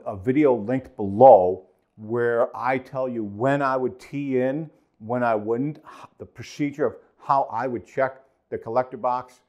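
A man's voice: medium pitch, darkish tone. A man in his forties, an HVAC trainer, giving a product demo in a plain, emphatic way and repeating his key points, recorded on a lapel mic in a small studio. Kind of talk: product demo and technical explainer. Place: indoor studio with whiteboard and acoustic foam.

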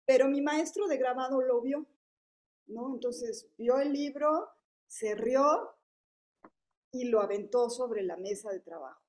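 Fifties woman, Mexican accent, conversational panel speaker, filler-heavy, slightly high voice, dark warm timbre. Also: unhurried. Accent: Mexican Spanish. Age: 50s. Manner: chatty, many fillers and tag questions. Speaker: panelist at a public policy forum. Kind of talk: forum talk, conversational.

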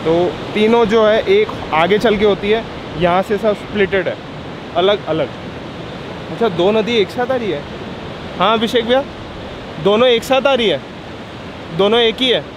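Brief: young male travel vlogger, slightly high voice, chatty and excited, outdoors with rushing water behind. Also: background noise. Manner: chatty, excitable, often laughing along. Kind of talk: casual on-the-go vlog chat. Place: outdoors by a mountain river and waterfall. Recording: outdoor vlog with loud river rush.

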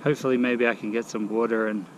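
A man's voice: medium pitch, level tone, fast, low-quality recording. A young man out of breath, talking to an action camera while he climbs a mountain road on a bike. His talk is strained and panting. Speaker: vlogger. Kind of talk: cycling vlog to camera. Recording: loud wind and road noise.

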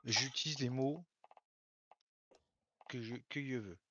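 A man's voice: medium pitch, slow pace, fairly bright tone, slight background noise. Gamer guy on squad voice chat, teasing banter, slightly muffled line. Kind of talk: casual gaming chat.

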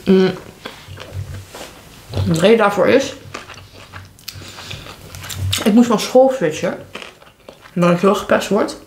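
A woman's voice: mid-range voice, a little slow. Young woman chatting in an echoey room. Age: young adult. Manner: candid, informal, talking between bites. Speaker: vlogger. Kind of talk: casual chat while eating, mukbang vlog. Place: living room at home, indoors. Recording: echoey room, clear background noise.

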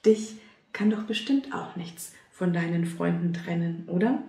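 Woman reading a children's story, slow, gentle, roomy echo. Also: fairly low pitch.

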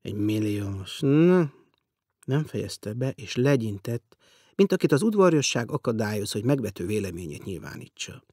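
A man narrating an audiobook in a wry, expressive storytelling manner, with a gravelly voice. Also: mid-range voice, no echo, studio quality.

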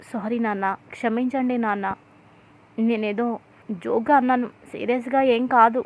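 A woman's voice: a little high, steady tone, normal speed, lightly acted. A woman voicing a meek grown son who apologizes and pleads with his wife. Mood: pleading. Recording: tinny phone-like audio.

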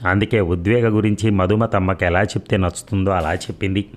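A man narrating a serialized story in a calm, measured reading. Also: low voice. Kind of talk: scripted narration.

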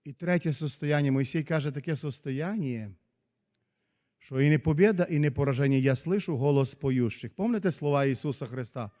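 High-pitched guy preaching a sermon, goes loud then really soft, big echoey hall. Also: fairly quick. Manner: dramatic, swings from loud to very soft. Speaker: pastor. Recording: long hall reverb.

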